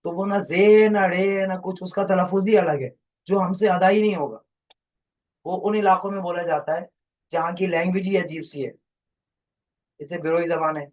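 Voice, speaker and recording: A man's voice: sits high, fairly even intonation, normal speed, pauses often, a little mellow. Man teaching in a muffled classroom recording. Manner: rambling, explanatory, quizzes students. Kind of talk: classroom lecture.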